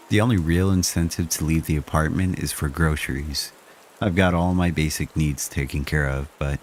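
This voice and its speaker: A man narrating first-person horror stories in a slow, measured, hushed way. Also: extremely low pitch, a little hiss or hum.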